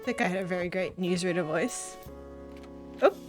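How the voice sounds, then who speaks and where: A woman plays through a mystery game, chatting casually and joking at her own expense while reading the text aloud. Her voice sits a little low. Guitar music plays behind her. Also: normal speed. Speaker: gaming channel host. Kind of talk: casual let's-play commentary.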